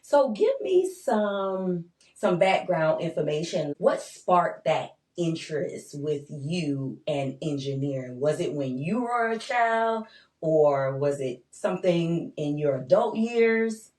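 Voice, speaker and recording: Her voice sits low and a little mellow, with lively intonation and a slow pace. As an interview host she's chatty and affirming, using casual grammar and frequently adding "right?", recorded with a distant mic in a roomy space.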